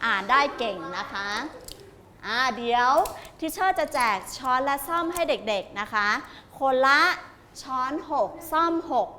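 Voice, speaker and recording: Woman, primary teacher, classroom, patient explaining, bright tone, faint background noise. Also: high-pitched, animated, unhurried. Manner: patient, gentle explaining with polite particles. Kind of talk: classroom instruction. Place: school classroom.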